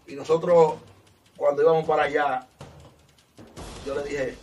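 A man, a pastor, giving an impassioned testimony that swings from loud exclamations to hushed storytelling. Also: on the high side, flat delivery, unhurried, far from the mic, soft background music. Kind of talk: fervent preaching testimony.

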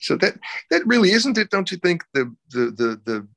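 A man's voice: high-pitched, very animated, moderate pace, fairly bright tone. A man, an actor guest, telling stories in casual chat, repeating words as he searches for them.

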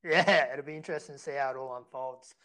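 A man's voice: medium pitch, fast, crowd noise. An Australian man co-hosting a sports podcast in casual chat, laid-back and full of blokey slang. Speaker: fantasy rugby league podcast host.

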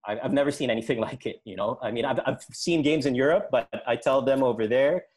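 Appearing as an interview guest, a middle-aged sports programme organiser and futsal official from Indonesia, Hong Kong and the Philippines talks casually about his own experiences. His mid-range voice is husky and darkish, and he speaks at a quick pace.

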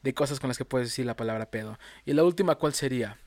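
A man's voice: medium pitch, quick pace, a little mellow, no echo. A man with a Mexican accent hosting a podcast in casual, playful chat, swearing freely. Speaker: podcast host.

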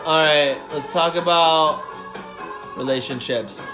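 A man's voice: on the high side, slow. A young man hosting a casual podcast, joking, teasing and swearing a lot. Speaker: podcast host. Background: music playing.

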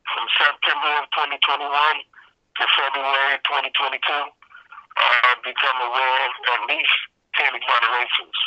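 Guy on a prison phone reading his statement, formal and measured, bright and dry, muffled line. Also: medium pitch, little pitch movement, dry recording. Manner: formal, measured, spells out addresses letter by letter. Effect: prison phone call. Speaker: prisoner appealing for support. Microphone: prison telephone.

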